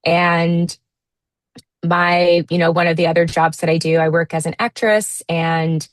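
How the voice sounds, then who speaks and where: A woman in her thirties talking in a relaxed, reflective way as an interview guest, often restarting her sentences. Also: on the low side, a little slow, no room sound. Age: 30s. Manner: reflective, many restarts and fillers. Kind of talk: casual interview talk.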